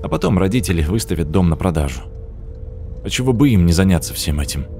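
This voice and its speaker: A man's voice: deep voice, animated, fast, creaky, mellow, soft background music. A man voicing a sad young woman. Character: sad young woman visiting her late grandmother's house.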